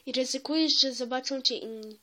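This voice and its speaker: A woman's voice: high voice, brisk, pushed and bright. A woman reading the lines of a harsh, contemptuous mother who scolds her daughter, in a storybook reading. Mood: scornful. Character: harsh scornful cave-dwelling mother.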